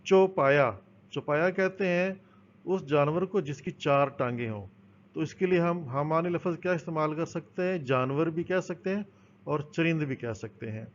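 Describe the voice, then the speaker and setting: A man teaching a recorded school lesson, explaining patiently and answering his own questions. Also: fairly high pitch. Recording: dull, lo-fi with faint noise.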